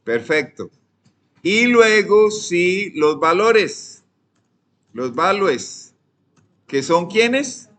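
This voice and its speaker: A young man with a Colombian accent, teaching a programming class, dictating code and quizzing his students, often trailing off softly. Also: a little high, very animated, extremely slow, long pauses. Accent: Colombian Spanish. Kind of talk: live coding lesson.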